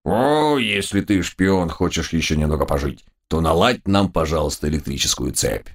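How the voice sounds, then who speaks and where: A man voicing a trio of pompous, dim raccoon judges of a holy order, drawing out preachy phrases that start with a solemn "O". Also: extremely low pitch. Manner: drawn-out, preachy, every phrase opened with "O". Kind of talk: audiobook character voice.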